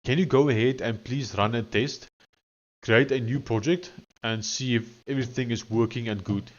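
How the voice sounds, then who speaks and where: A man's voice: mid-range voice, fairly even intonation, moderate pace, lo-fi sound. A man with a thick Afrikaans South African accent, chatting casually on a coding live stream and dictating instructions.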